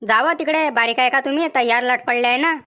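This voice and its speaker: A woman's voice: high voice, fast, sharp tone. A woman voicing a complaining young village wife in a cartoon comedy, with a rural Vidarbha Marathi accent. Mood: teasing. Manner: whiny, complaining.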